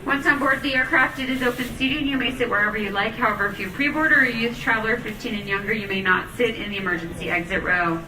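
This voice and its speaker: A woman's voice: fairly high pitch, fast talker, few pauses. Lady gate agent doing boarding announcement, echoey distant PA, noisy airport. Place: airport gate area, over public address. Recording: echoey terminal PA, distant, background noise.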